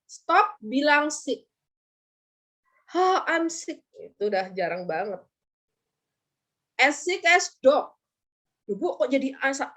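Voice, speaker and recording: A woman's voice: sits high, sharp tone. A woman with an Indonesian accent teaching English vocabulary in an online class, quizzing her students and acting out example lines.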